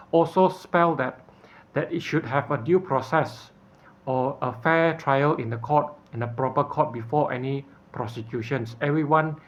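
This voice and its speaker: A Malaysian man makes an unscripted personal appeal in a medium-pitched voice, earnest and halting, frequently pausing to find the right words. The recording sounds muffled.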